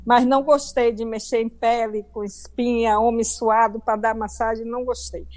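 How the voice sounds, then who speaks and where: A woman's voice: a little high, flat delivery, moderate pace, a little mellow. A middle-aged Brazilian woman with a Brazilian Portuguese accent, telling her story emphatically as an interview guest.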